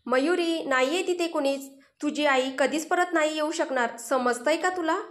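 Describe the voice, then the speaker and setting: A woman's voice: high-pitched, normal speed, lightly acted. A woman voicing a caring, protective young man who comforts and reassures in a story reading. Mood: urgent pleading. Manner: gentle, reassuring, sometimes urgent. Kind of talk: Marathi audio story dialogue.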